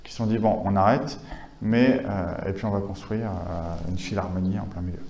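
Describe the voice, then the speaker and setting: A man's voice: deep voice, fairly even intonation, normal speed, vocal fry, darkish tone, echoey room, muffled recording. A man giving a conference lecture, talking with many hesitations, fillers and restarts. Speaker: conference speaker.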